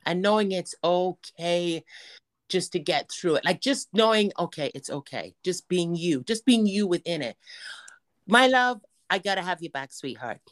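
A woman's voice: on the low side, expressive, moderate pace, no echo, studio quality. A woman hosting a casual podcast chat, affectionate and encouraging, calling her guest honey and girl. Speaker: podcast host.

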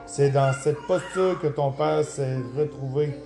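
A man's voice: a little high, unhurried. A man voicing a sly, cruel usurper lion king, sneering and mocking, in a storybook reading. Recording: roomy, clear background music.

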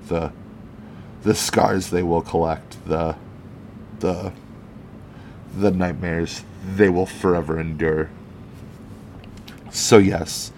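A man reading out the earnest, measured public speech of a heroic male alien superhero. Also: low-pitched, a little mellow, a little hiss or hum. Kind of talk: reading a comic speech aloud.

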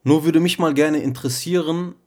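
With a slightly high, darkish voice at a normal pace, a young man co-hosts a laid-back podcast. His talk is slangy, he repeatedly calls the other man "bro," and he frequently asks whether his meaning lands.

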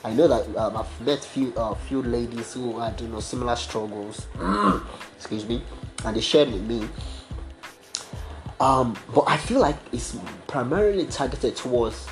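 A man's voice: mid-range voice, measured pace, faint music behind. A young man sharing a personal faith testimony in casual, slangy talk full of fillers and restarts. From abroad, studied as international student. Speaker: podcast guest sharing testimony.

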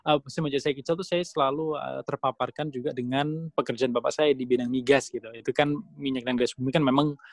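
Speaking fast with few pauses, this young Indonesian man has a medium-pitched voice and fairly even intonation. He's a young adult interview guest in a casual conversation, explaining at length amid many fillers and restarts, and there's no room sound.

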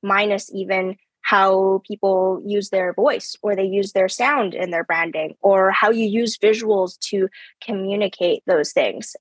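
A young Canadian woman with a medium-pitched, breathy voice answers conversationally as a podcast guest; she works as a brand strategist. She is articulate but repeats words as she starts, makes small restarts and laughs lightly, on a dry, rough recording.

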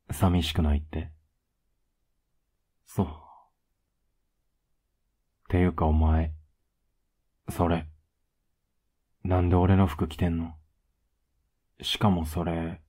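Guy doing a laid-back boyfriend, ASMR role-play, super low n mellow, softly teasing, slow. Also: flat delivery, heavily acted. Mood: tired, casual. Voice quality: low, husky, soft. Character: teasing, affectionate young boyfriend home from a trip.

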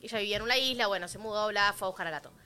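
A woman with a Rioplatense Spanish accent, a co-host telling a story in a quick, chatty way in a casual group chat. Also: medium pitch, bright, forceful tone, smooth.

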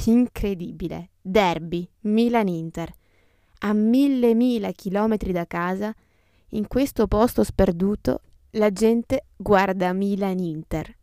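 A woman's voice: mid-range voice, mellow, clean tone, dry recording, studio quality. A woman podcast host reading scripted travel narration in a reflective, descriptive storytelling way. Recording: music behind the voice. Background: guitar music.

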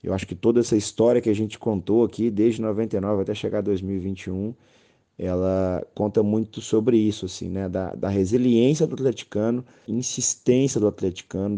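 A man's voice: on the low side, vocal fry, mellow. A Brazilian man talking reflectively and casually as a guest on a podcast.

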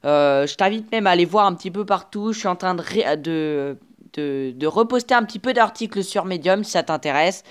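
A woman's voice: fairly low pitch, animated, a little fast, clear, resonant tone. A woman hosts a casual solo podcast, speaking directly to her listener with chatty encouragement. Her talk stops and restarts, full of filler sounds. She records on a simple earphone microphone. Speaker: podcast host. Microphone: earphone headset mic.

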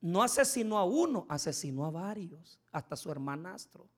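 Impassioned high-voiced male pastor. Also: sing-song, moderate pace. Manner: impassioned preaching, swings from soft to shouted. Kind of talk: sermon.

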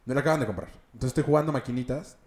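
A man's voice: mid-range voice, racing, a little mellow. A young Mexican man telling a story among friends in casual chat, laughing at his own mishaps. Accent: Mexican Spanish.

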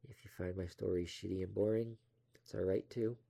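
Gravelly deep-voiced man telling a story. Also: steady tone, a little fast, warm tone. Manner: rambling, offhand and self-deprecating, swears casually. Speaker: storyteller recounting his past. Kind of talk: casual spoken storytelling.

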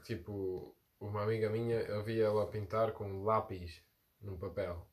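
A man's voice: fairly low pitch, steady tone, moderate pace. A young man, chatting casually and slangily with his friends. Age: young adult. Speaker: participant in a group chat.

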